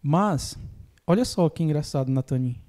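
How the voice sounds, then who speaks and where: A man's voice: lively intonation, normal speed, a little mellow. A man hosting a podcast, explaining therapy ideas in a casual chat and acting out clients' lines. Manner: acts out clients' lines in a higher voice, laughs easily. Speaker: podcast host, phobia therapist.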